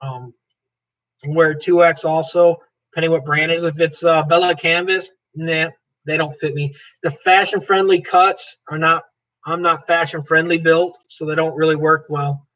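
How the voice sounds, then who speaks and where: Speaking at a moderate pace in a steady, slightly bright voice on the high side, a man hosts a live stream over a rough recording. He chats loosely and jokes, reading viewers' comments out and answering them by name.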